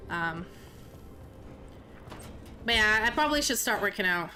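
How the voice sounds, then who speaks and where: A woman's voice: medium pitch, lively intonation, unhurried, pushed and bright, a little hiss or hum. A woman streamer chatting casually and swearing while out of breath from exercise. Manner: casual, laughing, swears a lot.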